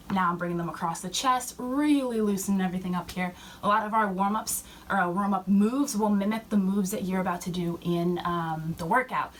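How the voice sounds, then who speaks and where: A young woman fitness instructor cueing warm-up moves while she exercises, a little out of breath. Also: medium pitch. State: slightly out of breath. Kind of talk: workout instruction. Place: fitness center. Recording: distant mic with faint room noise.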